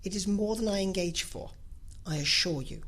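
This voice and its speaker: A woman reader gives voice to a middle-aged gentleman husband in a classic novel. He is dry, teasing and unruffled, speaking with wry mock politeness in a somewhat husky tone. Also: mid-range voice, moderate pace, lightly acted. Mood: dry, indifferent.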